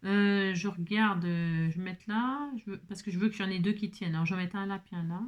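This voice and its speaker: This middle-aged craft vlogger speaks briskly in a mid-range voice with fairly even intonation, and the audio's highs are cut off. She chats through her tutorial loosely, frequently stuttering and starting over, poking fun at herself.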